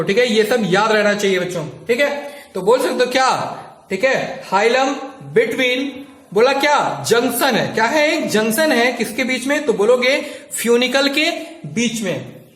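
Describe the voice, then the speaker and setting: A man's voice: sits high, lively intonation, moderate pace, a bit bright, reverberant. A man teaching a biology lesson, repeating points and quizzing students with questions. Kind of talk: classroom lecture.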